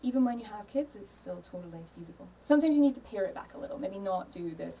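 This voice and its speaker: Her voice is medium-pitched, mellow and animated, and she talks quickly. She's a Scottish podcast guest in her thirties, chatting comfortably in a studio, laughing frequently and filling gaps with "um" and "yeah." There's slight background noise, and the mic picks her up from a little distance.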